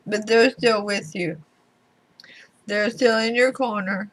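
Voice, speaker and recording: A woman giving a tarot reading to viewers in deliberate short phrases, her speech slightly slurred as if from a swollen mouth. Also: medium pitch, fairly even intonation, low-quality recording. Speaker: tarot reader.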